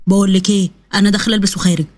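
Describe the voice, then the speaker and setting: A woman's voice: medium pitch, little pitch movement, racing, darkish tone, voice pushed down, close to an everyday voice. A woman doing a curt, evasive husband. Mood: defensive. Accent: Egyptian. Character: evasive unfaithful husband, grown man.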